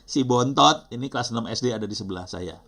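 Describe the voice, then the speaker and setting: A man's voice: mid-range voice, fast talker, fairly bright tone. A middle-aged man with an Indonesian accent teaching an online class, talking casually and apologizing often as he thinks aloud. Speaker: instructor. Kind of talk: live online teaching session.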